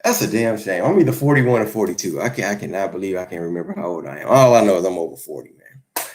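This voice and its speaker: A relaxed man in his forties talks to his live audience in a lowish voice. His pitch jumps up and down a lot as he rambles easygoing and friendly. He answers comments off the cuff on a home livestream. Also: fast talker. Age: 40s. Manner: easygoing, rambling, laid-back. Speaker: YouTube creator hosting a livestream. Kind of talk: casual livestream chat reading comments. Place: home, Los Angeles.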